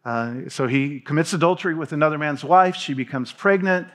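A man in his thirties from Tennessee, a pastor, gives a sermon on a church stage with a slightly high voice and a slightly fast delivery. He reads scripture aloud while gesturing with his hands and pacing with animation.

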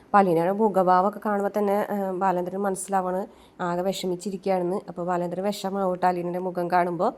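A woman's voice: on the low side, flat delivery, quick pace, darkish tone. A woman casually retelling a TV serial episode, chatty and quoting the characters. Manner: chatty, tags lines with "kettō". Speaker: serial recap narrator.

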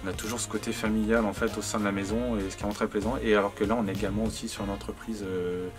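A man's voice: fairly low pitch, flat delivery, very fast, music in the background. A man in his thirties, a head sommelier, talking casually with lots of fillers while showing a wine cellar. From Charente, France. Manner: conversational, many fillers and "en fait". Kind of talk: guided cellar tour. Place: stone wine cellar indoors.

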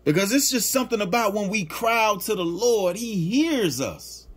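A man leading a Bible study, reading scripture slowly and then explaining it in plain, informal preacher talk. He sometimes pauses to look for verses. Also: high-pitched, sing-song, breathy edge. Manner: stops to search for verses, with fillers.

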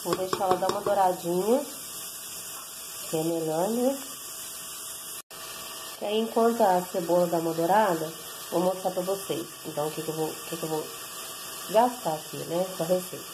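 A Brazilian woman with a fairly low voice and a Brazilian Portuguese accent walks viewers through a recipe step by step at her home kitchen stove, filming one-handed on her phone. This home cook vlogger is chatty and keeps checking in with her audience through frequent tag questions, speaking at a moderate pace with frequent pauses. Background noise comes through on the handheld phone camera in this casual cooking tutorial.

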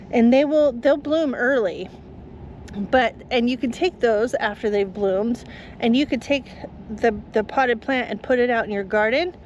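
Chatty woman flower farmer, slightly high. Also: a little mellow, a little hiss or hum. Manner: chatty, explains step by step. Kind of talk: casual gardening tutorial. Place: outdoors in a garden field.

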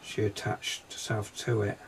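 A man working as a psychic medium, describing impressions in a halting, hesitant way inside a railway carriage during a paranormal investigation. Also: lowish voice, completely flat delivery, slight background noise.

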